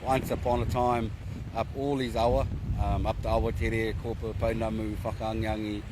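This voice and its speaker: A man with a New Zealand accent speaking casually and haltingly in an outdoor interview. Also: fairly low pitch, level tone. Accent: New Zealand English. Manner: halting, repeats words. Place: outdoors by a river. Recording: clear outdoor vehicle and water noise.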